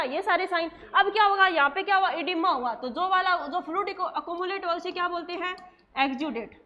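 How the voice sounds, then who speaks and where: Woman nursing teacher, very high voice, repeats every question, muffled lo-fi sound. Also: bright, forceful tone. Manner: repeats questions and answers them herself, drilling students. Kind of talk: classroom lecture.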